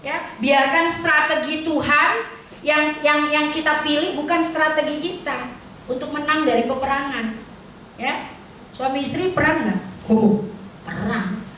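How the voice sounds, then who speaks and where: A middle-aged woman delivers a casual, conversational sermon, often asking the congregation questions. Her voice sits a little high and rings through a very echoey hall. She is heard from some distance from the mic, with faint noise behind her. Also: unhurried, sharp tone. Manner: chatty, colloquial, asks the congregation questions. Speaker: preacher at a prayer fellowship service. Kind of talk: informal sermon with personal testimony. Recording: echoey hall, voice picked up from afar.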